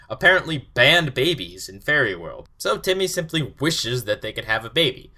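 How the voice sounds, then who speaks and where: A man's voice: medium pitch, bright, forceful tone. A man of about twenty reviewing a cartoon episode in an exasperated, sarcastic rant.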